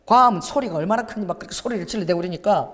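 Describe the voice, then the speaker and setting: A woman preacher giving a sermon, telling stories in an animated way with bursts of laughter and exclamations. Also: mid-range voice, very fast, noisy background. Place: church hall. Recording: long hall reverb.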